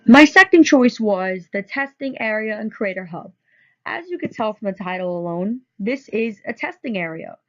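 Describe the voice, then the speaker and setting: A woman's voice: mid-range voice, animated, moderate pace, a bit bright. A woman narrating a photo presentation, enthusiastic and often repeating words for emphasis. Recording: dull lo-fi recording.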